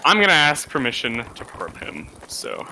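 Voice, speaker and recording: Male gamer, very bright tense tone, casual voice-chat delivery, slightly noisy line. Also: medium pitch, huge pitch swings, normal speed. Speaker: game server staff player. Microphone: gaming voice chat mic. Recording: faintly noisy game voice chat.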